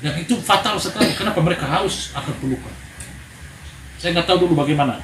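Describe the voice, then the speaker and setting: With a fairly high pitch and brisk delivery, a preacher addressing a men's gathering tells lively stories and keeps calling for amens. It was captured in an echoing room with noise in the background.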